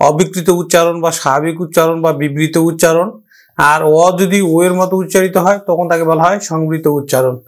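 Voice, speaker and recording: A man teaching a pronunciation lesson, drawing words out syllable by syllable and repeating them. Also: on the high side. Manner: slow, drawn-out syllable-by-syllable modelling, repeating words. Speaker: language teacher. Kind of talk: slow classroom pronunciation lesson.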